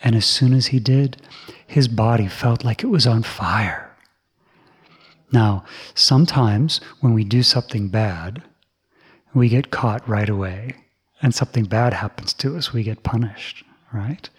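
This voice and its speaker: A man telling a Buddhist story to children, soft and often dropping into a whisper. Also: medium pitch, measured pace, slightly rough.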